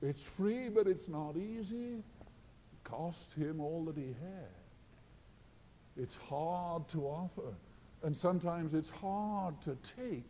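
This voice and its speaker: Male preacher, high mellow voice, slow and earnest, long hall reverb. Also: expressive, slight background noise. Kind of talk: sermon.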